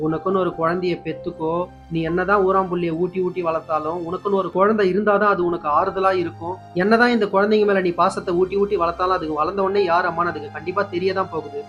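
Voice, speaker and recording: A man voicing a scheming, spiteful older aunt who coaxes and eggs her niece on, talking fast. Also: lowish voice, fairly even intonation, close to an everyday voice. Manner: coaxing, spiteful. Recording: dull lo-fi with faint music.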